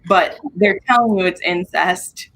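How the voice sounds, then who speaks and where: Speaking a little slowly in a lowish, fairly bright voice, a book reviewer talks casually during a group livestream readalong from her home over video call. The audio is noisy.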